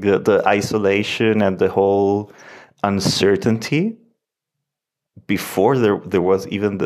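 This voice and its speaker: A young Chilean man whose first language is Spanish, a lawyer answering interview questions in a hesitant, thoughtful way. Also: fairly low pitch. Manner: hesitant, restarts phrases, thoughtful.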